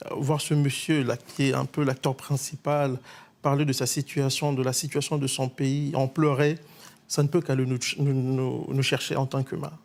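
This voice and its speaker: A man's voice: medium pitch, little pitch movement, normal speed, vocal fry, darkish tone. A man from Congo, a journalist and studio guest, speaking earnestly and repeating words as he thinks. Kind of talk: studio interview.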